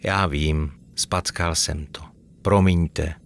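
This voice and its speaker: Guy doing a clumsy elf boy, sheepish and low, storybook reading. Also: fairly even intonation, slight background noise. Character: clumsy young male elf, jokey then sorry.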